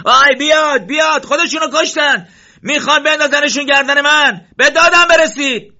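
A man voicing a panicked young male soldier who shouts frantically for help, heard on a dull lo-fi recording. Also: very high-pitched, pitched above the performer's own voice, exaggerated voice. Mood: panicked shouting. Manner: frantic yelling.

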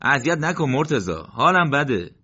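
A man's voice: fairly high pitch, sing-song, pushed and bright, husky, voice pushed up, heavily acted. A man voicing a complaining male soldier who pleads for more sick leave, on a dull lo-fi recording. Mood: whiny pleading.

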